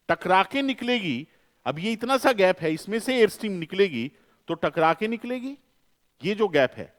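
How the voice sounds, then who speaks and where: Lively, repetitive Hindi-English phonetics teacher. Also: male voice, fairly high pitch, big-room sound. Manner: asks questions and answers them himself, repeating key terms; mixes English phrases into the lecture. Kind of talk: classroom lecture.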